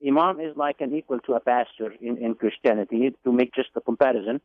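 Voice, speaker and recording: Radio guest, male, from Egypt, measured storyteller, phone-line sound. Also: medium pitch, no room sound. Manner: deliberate, with repeated words and fillers. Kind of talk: telling his life story on a radio call-in. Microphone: telephone.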